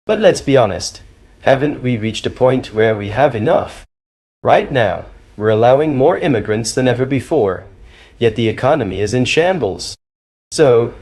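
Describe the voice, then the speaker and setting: A man's voice: medium pitch, a little mellow. A man narrating scripted voice-over commentary in an opinionated, declamatory way.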